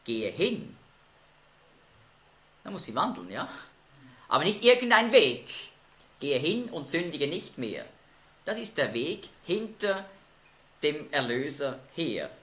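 Man, Bible study teacher, emphatic, explanatory, bright voice, roomy sound. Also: on the high side, sing-song, slow pace, long pauses. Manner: emphatic, explanatory, asks group questions.

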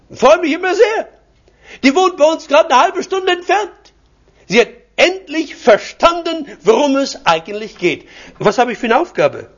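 An older man delivers a sermon built from stories of his own life, chuckling as he tells them. His voice sits high for a man. The recording is dull and lo-fi. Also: husky. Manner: anecdotal, chuckling storyteller. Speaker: preacher. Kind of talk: personal sermon testimony.

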